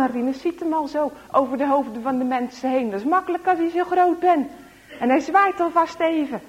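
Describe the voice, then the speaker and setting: Woman storyteller for kids: slow, fairly high voice, expressive, with whispered suspense. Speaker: storyteller for children. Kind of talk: children's story read-aloud.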